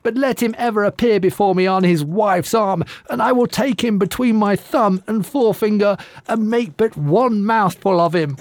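A man voicing an enraged giant woman, loud and shrieking with fury. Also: high-pitched, lively intonation, measured pace, dry recording, voice pushed up. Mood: furious. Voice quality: shrieking and thunderous.

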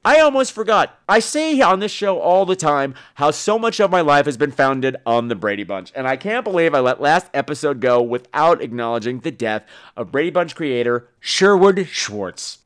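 A podcast host with a slightly high, bright, smooth voice speaks in a sing-song way at normal speed. Alone on his show, he rambles casually through reviews, adding theatrical emphasis.

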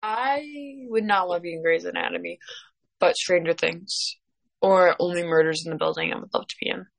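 A woman's voice: fairly low pitch, steady tone, normal speed, gravelly. Young woman, co-host, giggly, teasing, rambling, casual chat.

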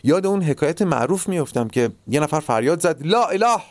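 A man hosting a solo podcast, explaining ideas in a measured way and speaking straight to his listeners. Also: a little high, animated, darkish tone, dry recording, clean studio sound. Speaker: podcast host. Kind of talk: solo philosophical podcast monologue.

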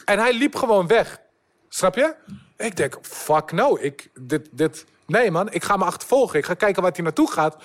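Casting: young male comedian, high voice, animated storyteller who swears and mixes in English. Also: normal speed. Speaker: podcast guest, comedian. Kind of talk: storytelling anecdote.

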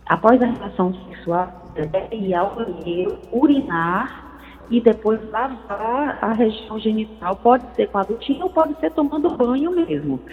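A woman's voice: fairly high pitch, expressive, normal speed, soft background music. A woman gynecologist giving medical advice over the phone on a call-in radio show, explaining things step by step. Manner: explanatory, frequent tag questions. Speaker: gynecologist guest. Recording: tinny phone line with reverb.

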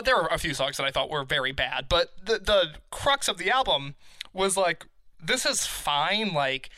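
A man's voice: a little high, sharp tone, no room sound. A man hosting a podcast, asking questions in a wry, joking, chatty way. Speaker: podcast host. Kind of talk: casual interview chat.

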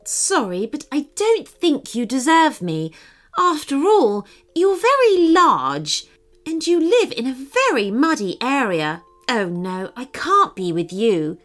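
A woman's voice: sits high, very animated, slow pace, soft background music, pitched above the performer's own voice, heavily acted. A woman voicing a proud, vain young female swan who talks curtly and dismissively. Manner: curt, dismissive.

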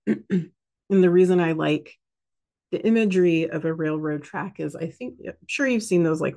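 An American woman hosts a casual spiritual talk in a low, creaky, somewhat mellow voice. She rambles, using lots of fillers and restarting her sentences.

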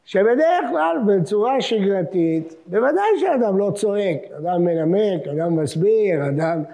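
A man's voice: high-pitched, expressive, creaky, mellow. A man gives a rabbinic talk. He explains old texts and quotes verses, and his emphasis rises as he reads them. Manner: expounding texts, quoting verses with rising emphasis. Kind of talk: Torah lecture before Selichot.

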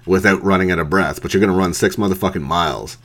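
Deep-voiced man in his thirties ranting. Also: quick pace, fairly bright tone. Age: 30s. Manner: mocking, blunt, heavy swearing, laughs at his target. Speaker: podcast host. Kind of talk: profane ranting commentary.

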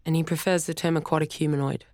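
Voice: mid-range voice, level tone, quick pace, a little mellow, dry recording, clean studio sound, close to an everyday voice. Kaya, an earnest young woman, as a narrator voices her.

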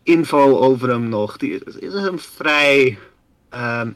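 A man spins a history tale for his podcast co-host in a bright, forceful voice. He rambles through lots of fillers and keeps calling his listener by name. The sound is close and dry, with no room around it. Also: mid-range voice, slow, no echo. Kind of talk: casual storytelling chat.

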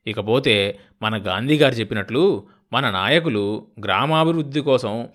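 A man's voice: mid-range voice, expressive, moderate pace, a bit bright, natural voice. Argumentative village canvasser, preachy and persistent, played by a male narrator. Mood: lecturing.

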